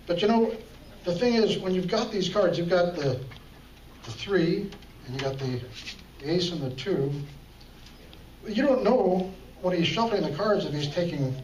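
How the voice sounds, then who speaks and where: Man, high voice, chatty magician patter, distant mic in an echoey hall, background noise. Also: lively intonation, measured pace, long pauses, darkish tone. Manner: chatty, joking with the audience. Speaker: emcee and magician. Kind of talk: stage patter with card trick. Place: church hall with live audience. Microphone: far room recording.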